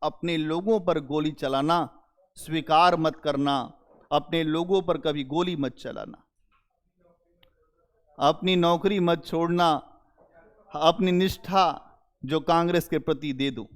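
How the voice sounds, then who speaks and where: Slow, emphatic male history teacher. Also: on the high side. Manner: slow, emphatic, repeats key phrases; rhetorical questions to students. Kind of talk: exam-prep history lecture.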